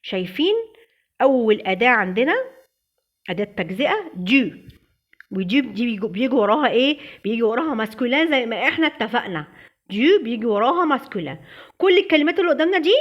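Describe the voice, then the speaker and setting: A woman's voice: fairly high pitch, sing-song, fast talker, highs cut off. A woman with an Egyptian Arabic accent teaching a French lesson, patiently drilling vocabulary aloud. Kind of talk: classroom lesson.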